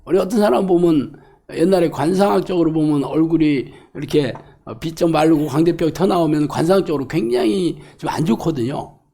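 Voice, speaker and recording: A middle-aged man preaching a lively, colloquial sermon as a pastor, acting out quoted voices and laughing along. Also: on the high side, a little fast, creaky. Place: church or hall.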